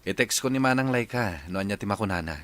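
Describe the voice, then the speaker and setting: A man playing a respectful, even-tempered young husband and son in a radio drama. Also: lowish voice, quick pace, noisy background, natural voice. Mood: agreeable. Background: music.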